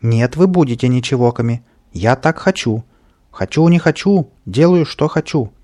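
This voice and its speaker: A man voicing a capricious little boy who rules a band of silly creatures, shouting his demands in a raised, pushy voice. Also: mid-range voice, animated, normal speed. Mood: bossy shouting. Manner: loud, stamping, demanding. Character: bossy capricious little boy, petty tyrant leader.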